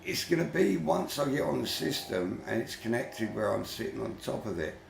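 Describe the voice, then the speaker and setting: A man's voice: medium pitch, lively intonation, moderate pace, creaky, reverberant, a little hiss or hum. A man giving casual running commentary while gaming, chatty and grumbling, with mild swearing. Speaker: vlogger.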